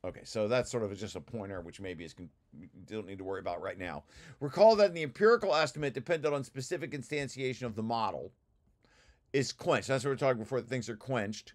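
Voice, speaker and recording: A presenter reads through his own technical paper in an informal walkthrough, explaining as he goes. His medium-pitched voice has lively intonation, and he's halting, often pausing to correct himself.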